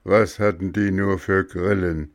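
Nikolaus, a man playing a gruff old boss. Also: steady tone, unhurried. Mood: grumbling. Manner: booming scolding, then gentle. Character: gruff old Santa boss, stern but kind.

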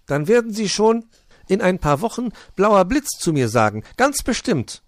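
A man's voice: high voice, sing-song, moderate pace, no room sound, clean studio sound, voice pushed up. A man voicing a small, sporty, eager male bird in a children's storybook. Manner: cheerful, eager.

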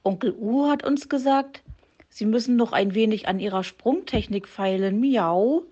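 A woman's voice: on the high side, moderate pace, dark tone, highs cut off, close to an everyday voice. A woman voicing an eager, clever little tomcat child who meows between words.

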